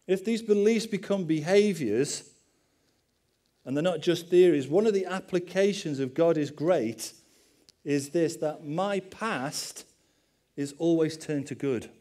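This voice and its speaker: A middle-aged man delivers a sermon as a pastor. He talks in a chatty, anecdotal way, with wry jokes at his own expense. His voice sits slightly higher than most men's. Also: a little slow, mellow. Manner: conversational preaching with asides and self-deprecating humor.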